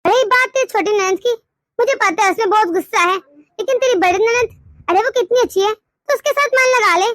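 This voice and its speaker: A woman voicing a patient, consoling mother in a cartoon story, speaking slowly. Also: extremely high pitch, dry recording, clean studio sound. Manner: calm, slow, consoling.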